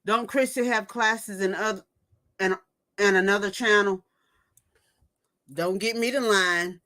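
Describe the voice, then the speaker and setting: Fifty-something lady gossiping on her stream, reads comments out loud, takes her time, bright voice. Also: a little high. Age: 50s. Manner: gossipy, reads viewer comments aloud and reacts. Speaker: livestream host. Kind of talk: casual chat.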